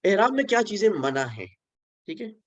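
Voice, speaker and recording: A man leads a pilgrimage training session over a video call, explaining each rule patiently and checking that his listeners follow. His voice sits a little high for a man. The sound is close and dry, with no room around it. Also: sing-song, normal speed, dry recording. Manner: explains patiently, asks listeners to repeat, mixes in English phrases. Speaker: religious instructor. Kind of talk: online pilgrimage training lecture.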